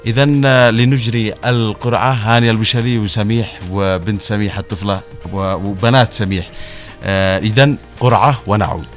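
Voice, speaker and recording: Hesitant Yemeni male radio host, lowish voice. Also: fairly even intonation. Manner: hesitant, halting delivery. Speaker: radio quiz show host. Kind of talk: live radio hosting. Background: music.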